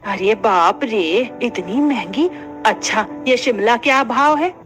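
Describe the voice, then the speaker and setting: A woman's voice: on the high side, lively intonation, takes it slowly, fairly bright tone. Stingy cartoon mother-in-law, voiced by a woman. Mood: scolding. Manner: scolding, penny-pinching. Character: stingy older mother-in-law, bossy and thrifty. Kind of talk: animated story voice acting.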